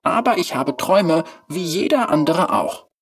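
A narrator playing Fiyerem, a shy and charming porcelain clockwork boy who speaks slowly and softly in a storybook reading. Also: mid-range voice, lively intonation, slightly rough, no echo, far from the mic, pitched above the performer's own voice.

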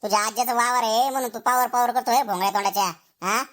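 A fierce, sharp-tongued village schoolgirl played by a woman scolds and threatens in a high voice. Her speech is full of insults. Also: steady tone, quick pace, natural voice. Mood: scolding.

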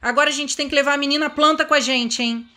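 A gaming video creator with a Brazilian Portuguese accent gives excitable let's-play commentary, full of dramatic exclamations and asides to her viewers. Her voice is high and she talks fast.

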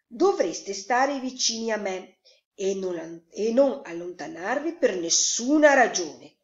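A woman voicing an anxious, protective mother duck in a storybook reading, speaking emphatically and slowly. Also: medium pitch. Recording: roomy echo, slightly dull sound.

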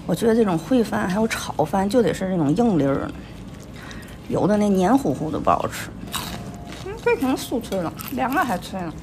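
A woman's voice: medium pitch, sing-song, brisk. A woman with a Tianjin accent chatting casually over a meal as a food vlogger, commenting on each bite. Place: small busy restaurant, indoors. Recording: clattery, noisy small restaurant.

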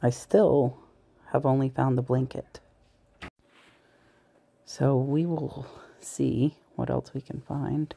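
This thrift reseller vlogger speaks slowly in a warm bass voice with a breathy edge and vocal fry, keeping little pitch movement and pausing often. She chats to viewers while browsing a large thrift store, sometimes whispering. It's casual shop-with-me narration on a point-of-view body-worn camera mic.

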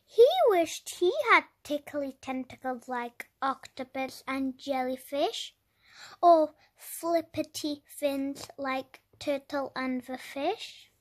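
Reading a picture book aloud for young children, this storyteller has a very high, childlike voice. She or he goes extremely slowly and deliberately, leaning on dramatic emphasis to make the story expressive.

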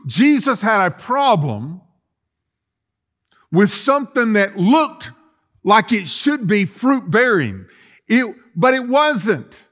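A middle-aged pastor preaches a sermon in a church sanctuary lined with empty chairs, his high, fairly bright voice moving in a slow, sing-song way with frequent pauses. He is emphatic, leaning on rhetorical questions and repetition.

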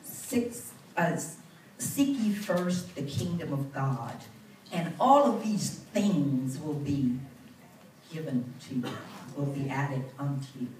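Older female church minister, earnest testimony with fervent peaks, slow and low-pitched, heard from far off in a roomy sanctuary. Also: animated, darkish tone, a little hiss or hum. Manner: earnest, building to fervent bursts. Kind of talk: testimony speech. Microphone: handheld mic, far camera.

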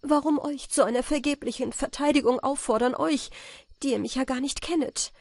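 A woman's voice: high-pitched, a little fast, dry recording, voice pushed up. A woman voicing a pale noble countess who speaks in a pleading, resigned way.

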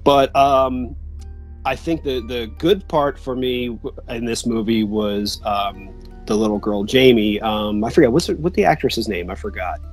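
A man's voice: mid-range voice, a little slow, faint music behind. Laid-back man chatting on a video call. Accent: Philadelphia. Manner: laid-back, agreeable, lots of fillers. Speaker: podcast co-host. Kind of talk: casual chat.

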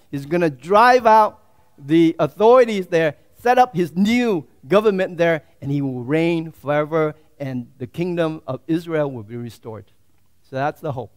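A man preaching a sermon as a pastor in a church, swinging from loud, fervent declarations to hushed, quiet asides. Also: fairly high pitch, clear, resonant tone.

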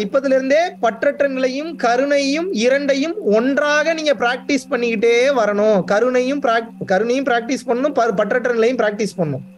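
A man teaching a spiritual class, speaking to his students with many rhetorical questions and words repeated for stress. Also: high voice.

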